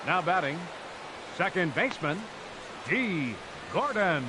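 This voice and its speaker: A man voicing a ceremonious male stadium announcer, calling out players over a PA system in slow, drawn-out introductions that stretch each name. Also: high voice, big pitch swings, noisy background, exaggerated voice. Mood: announcing. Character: adult male ballpark announcer, measured and ceremonious. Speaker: stadium public address announcer.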